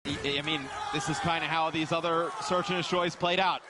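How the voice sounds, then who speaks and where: A man's voice: fairly high pitch, steady tone, fairly quick, noisy background. A man giving casual, analytical esports commentary as a caster.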